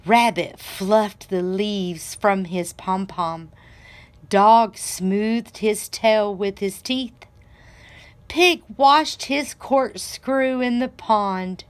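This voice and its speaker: A library director reads a children's storybook aloud to children at a very unhurried pace. Her mid-pitched voice is expressive and deliberate, as though telling the story to young listeners.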